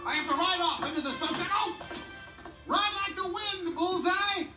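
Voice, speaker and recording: An actor playing an excitable, playful cowboy sheriff toy in an animated film. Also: male voice, extremely high pitch, moderate pace, roomy sound, recorded from a distance, over music. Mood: playful, heroic.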